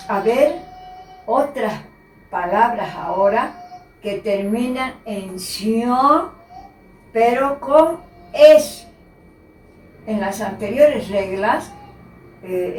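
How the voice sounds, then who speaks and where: A woman teacher giving a slow, patient spelling lesson and repeating the key words. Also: mid-range voice, a little hiss or hum. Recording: echoey room, voice from a distance.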